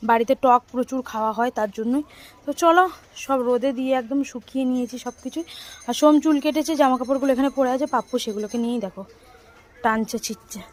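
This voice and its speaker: A woman's voice: a little high, a little mellow. Chatty woman vlogging her home day. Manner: chatty, addresses viewers directly. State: out of breath from the heat. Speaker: family vlogger. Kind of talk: casual home vlog narration. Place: house and sunny rooftop, indoors and out.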